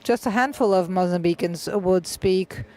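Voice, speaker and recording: This medium-pitched, slightly mellow voice belongs to an interpreter putting a literary festival panel into English on the fly. The speech comes in short, halting bursts, with many filled pauses and restarts.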